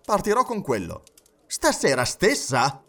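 A man voicing an impassive, precise English gentleman who speaks calmly and in measured tones. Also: high voice, far from the mic, pitched above the performer's own voice. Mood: composed. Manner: calm, measured, unhurried.

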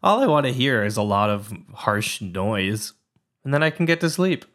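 A man's voice: fairly low pitch, big pitch swings, moderate pace, a bit bright. A man co-hosting a podcast in casual chat, easygoing, laughing often and explaining things plainly. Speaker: podcast co-host.

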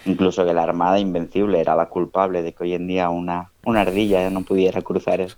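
A man's voice: low voice, level tone, fast talker, darkish tone. A man in his thirties, a researcher, talking things through on a podcast, often ending phrases with a questioning tag. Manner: thoughtful, many "¿no?" tags. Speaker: guest researcher. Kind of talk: casual podcast conversation. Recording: dull, dry lo-fi sound.

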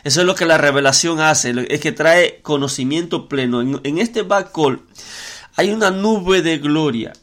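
A man's voice: a little high, moderate pace, a bit bright. A man preaching a sermon in an earnest way, often repeating words and using fillers as he works through scripture.

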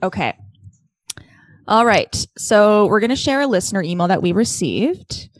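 A woman's voice: mid-range voice, animated, normal speed, no echo. A young woman co-hosting a podcast, chatting casually with a wry, teasing manner. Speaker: podcast co-host. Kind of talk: casual chat.

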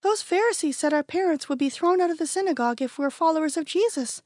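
A woman's voice: extremely high pitch, lively intonation, fast talker, a little mellow, no room sound, clean studio sound, pitched above the performer's own voice. A woman reading as an earnest young girl. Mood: explaining. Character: curious young girl from a group of kids. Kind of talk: storybook character reading.

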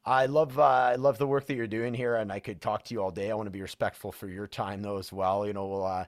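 A man hosting an interview podcast, with a somewhat low voice and an eager, upbeat manner. He often pauses on "uh" as he winds toward his next question. The sound is dry and close, with almost no room behind it. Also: flat delivery, no echo. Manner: enthusiastic, fills pauses with "uh". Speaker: podcast host. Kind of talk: interview host chat.

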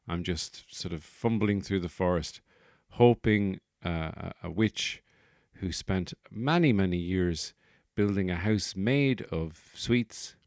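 A man's voice: deep voice, a little mellow, dry recording, studio quality. A man hosting a solo comedy podcast, rambling through jokey, profane tangents. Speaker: podcast host.

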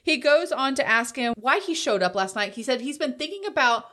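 A woman's voice: high-pitched, lively intonation, brisk, sharp tone. Chatty woman recapping a show. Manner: recounts the plot step by step, lots of "like". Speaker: podcast co-host. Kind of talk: casual chat recapping a TV episode.

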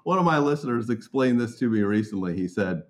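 A man's voice: medium pitch, expressive, fairly quick. A middle-aged man explaining things casually as a podcast guest, with a playful, jokey streak. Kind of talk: casual explanatory interview talk.

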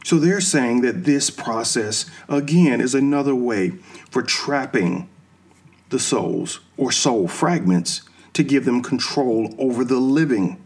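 A man's voice: medium pitch, expressive, a little mellow, slightly rough. A man talking through his ideas in an unscripted monologue, asking himself questions and then answering them. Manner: slow, musing explanations drawn from films and religion.

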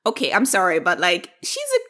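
A woman's voice: on the low side, huge pitch swings, a little fast, bright, forceful tone. A woman co-hosting a podcast, chatting casually and trailing off into filler words. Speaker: podcast co-host. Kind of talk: casual chat about a TV show.

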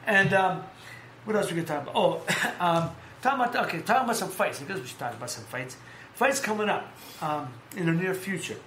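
A man with a slightly high voice talks boxing and sports in a loose, rambling way, stacking up fillers and restarts as he goes. His voice rings in an echoey room, with a faint hum of ambience behind him. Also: quick pace. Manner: rambling, animated storytelling with many fillers. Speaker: podcast host. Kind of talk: casual sports chat.

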